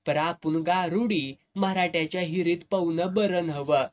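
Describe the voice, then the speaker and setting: A man's voice: fairly high pitch, measured pace, natural voice. Man voicing a cautious village father. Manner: cautious, questioning.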